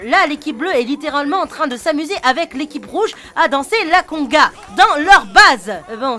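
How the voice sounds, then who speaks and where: A high, bright woman's voice narrates a scripted game review. She is chatty and talks straight to the viewer. Faint music runs underneath. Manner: chatty, addresses the viewer directly. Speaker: YouTube host and narrator.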